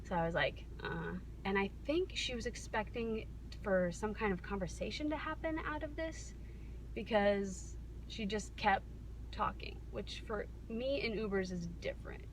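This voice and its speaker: A woman's voice: mid-range voice, normal speed. An American woman telling a casual, rambling story to camera, wryly interrupting herself and acting out bits of dialogue, recorded inside a car. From Kansas, United States. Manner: wry, self-interrupting, acting out reported dialogue. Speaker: vlogger. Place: inside a car while driving. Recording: noisy car interior, steady background noise.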